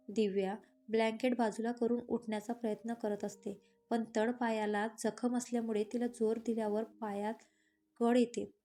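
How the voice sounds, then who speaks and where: A woman narrating a romantic story in a steady, even reading style. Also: on the high side. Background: faint instrumental music.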